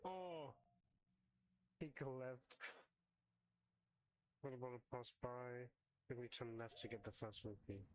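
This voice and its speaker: A man's voice: mid-range voice, lively intonation, slow pace, pauses often, slight background noise. A man live-streaming a video game, chatting casually with his viewers while he fixes his setup and plays.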